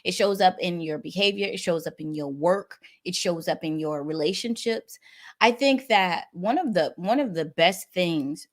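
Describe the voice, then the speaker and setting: A woman in her thirties with a voice on the low side, speaking at normal speed, appears as a talk show guest for a casual talk on wellness. She's earnest and animated and addresses the audience directly.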